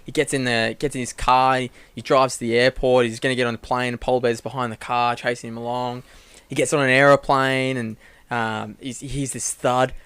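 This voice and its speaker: A man's voice: medium pitch, clean tone, dry recording. A young man who works for a church, chatting casually and telling a long rambling joke, full of fillers and restarts. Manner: relaxed, lots of fillers and restarts. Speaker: church staff member and podcast co-host.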